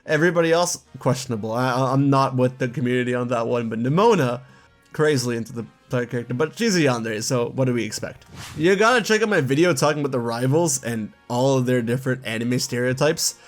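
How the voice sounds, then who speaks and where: A man's voice: medium pitch, lively intonation. Chatty male commentator, casual video talk, mid-range voice, faint music behind. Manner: chatty, laughs at his own jokes, quick asides. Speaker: YouTube gaming commentator.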